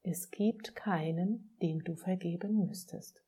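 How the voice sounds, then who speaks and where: A woman's voice: on the low side, takes it slowly, mellow, husky. A woman voicing a patient, loving God.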